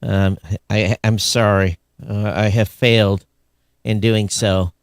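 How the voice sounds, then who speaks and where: A man's voice: lowish voice, little pitch movement, slow, dry recording, clean studio sound. A man co-hosting a live podcast, rambling and grumbling like an old curmudgeon while he chats and reads out listener comments. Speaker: podcast co-host.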